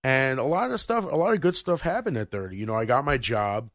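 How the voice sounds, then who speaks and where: A man in his thirties chatting on a podcast, with a middle-pitched voice. He rambles and restarts his sentences often, leaning on fillers. The sound is close and dry, with no room around it. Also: animated, fairly quick, fairly bright tone, dry recording. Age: 30s. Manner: rambling, full of restarts and "you know". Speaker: podcast co-host. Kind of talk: casual chat.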